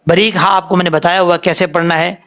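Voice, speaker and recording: A man with a Pakistani Urdu accent teaching Quran recitation, patiently explaining letter sounds and repeating words slowly. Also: high-pitched, little pitch movement, a bit bright. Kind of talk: tajweed lesson with spelled-out recitation.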